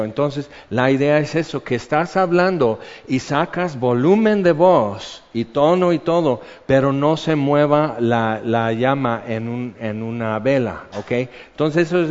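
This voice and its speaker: A man with a Mexican accent preaching a sermon as a conversational Bible lesson, explaining things in a chatty way and often checking in with "ok". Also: mid-range voice. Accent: Mexican Spanish. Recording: dull audio with long hall reverb.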